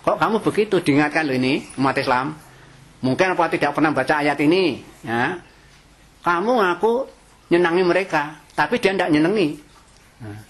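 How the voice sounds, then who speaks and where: Male Quran teacher, slightly raised pitch, conversational preaching with chanted Arabic lines. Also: normal speed. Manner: lively, conversational preaching with Javanese-flavored asides and chanted Arabic verses. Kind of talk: Quran study lecture.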